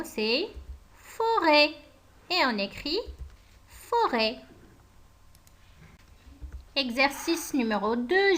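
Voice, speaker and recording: Slow, bright-voiced woman teacher. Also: sits high. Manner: slow, deliberate, dictation-like delivery; asks questions then answers them herself. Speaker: primary school French teacher. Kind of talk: recorded lesson, dictating words slowly.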